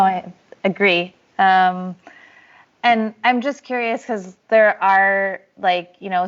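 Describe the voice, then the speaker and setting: Soft-spoken woman asking tentative questions. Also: on the low side, muffled recording. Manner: tentative, hedging with fillers. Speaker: interviewer. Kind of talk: casual interview questions.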